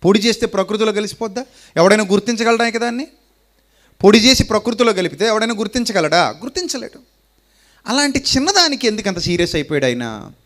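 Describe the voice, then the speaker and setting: A man's voice: high-pitched, a bit bright. A man preaching a sermon, who asks rhetorical questions and repeats his lines for emphasis.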